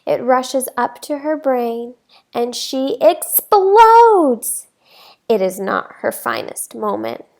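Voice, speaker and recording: A woman with a high-sitting, gravelly voice reads a children's picture book aloud as a teacher. She delivers it expressively, with deliberate, emphatic phrasing aimed at young listeners.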